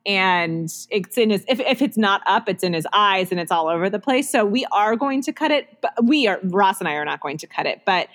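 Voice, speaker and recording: A woman's voice: mid-range voice, lively intonation, a little fast, few pauses, a bit bright. A chatty woman in her thirties, talking casually on a podcast. She laughs a lot and fills her talk with likes and ums. Her voice sits in a middle range. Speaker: podcast co-host. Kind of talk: casual chat.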